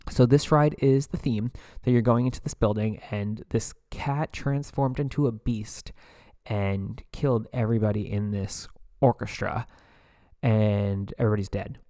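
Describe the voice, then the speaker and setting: A man's voice: fairly low pitch, fairly even intonation, a little slow, warm tone, no room sound, clean studio sound. A man hosting a podcast, chatting casually in a rambling way as he reviews theme park rides, with frequent filler words and asides. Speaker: podcast host.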